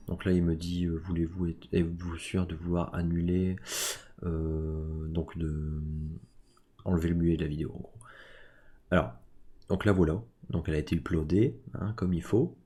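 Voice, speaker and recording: A man casually talking through a screen-recorded software tutorial, filling his talk with little fillers. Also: deep voice, slightly rough. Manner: casual, full of "donc" and "hein" fillers. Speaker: tech tutorial host.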